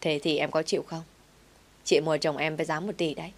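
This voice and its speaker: A well-off woman who speaks bluntly and teases, with a low, steady voice. A woman reads her lines in a story narration. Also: brisk. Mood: matter-of-fact.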